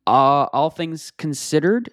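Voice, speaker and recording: Man playing a solemn, halting doctor. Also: a little high, lively intonation, a bit bright, no echo, voice pushed up. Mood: gravely apologetic. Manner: halting, apologetic bedside delivery. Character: solemn male doctor delivering news. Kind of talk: improvised comedy bit.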